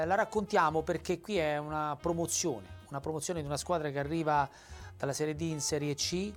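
A man hosting a football show, introducing his guest and asking questions in a lively, emphatic way. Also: on the high side. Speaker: sports show host. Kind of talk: interview.

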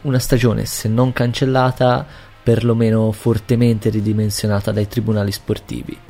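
A man narrating a scripted sports history podcast in measured, written-out sentences. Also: fairly low pitch, little pitch movement, vocal fry, dark tone. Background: faint music.

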